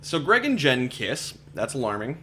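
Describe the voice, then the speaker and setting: A man's voice: medium pitch, moderate pace, slight background noise. A man hosting a casual podcast, leading the rundown of episode events. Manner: lively, leads the episode rundown. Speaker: podcast host. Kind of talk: casual recap chat.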